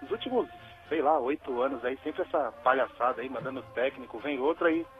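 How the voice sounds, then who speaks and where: A man's voice: medium pitch, a little fast, soft background music. A man, a caller heard over the phone, talking casually and with slang. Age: 30s. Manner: casual, slangy, frustrated complaining. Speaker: radio caller. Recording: dull lo-fi phone line.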